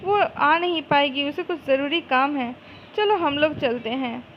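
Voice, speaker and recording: Chill polite young boss guy, woman reading him in her own high voice, lo-fi, bit hissy. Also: a little slow. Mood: calm. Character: young male company boss Jungkook.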